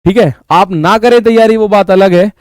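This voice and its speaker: High-voiced maths teacher, dry close sound. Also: male voice, moderate pace, no room sound. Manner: talks students through sums step by step, addresses them by name. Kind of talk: live online class teaching.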